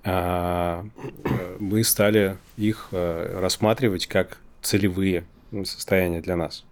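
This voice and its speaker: A man who has trouble pronouncing the letter r, talking casually and hesitantly as an interview guest, thinking aloud with drawn-out pauses. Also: low voice, fairly even intonation. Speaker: interview guest, design company executive.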